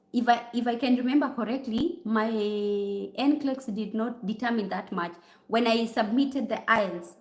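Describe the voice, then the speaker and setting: A woman's voice: mid-range voice, a little mellow. A Kenyan woman, a nurse, chatting on a livestream and answering viewer comments, slipping in Swahili phrases. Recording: roomy echo.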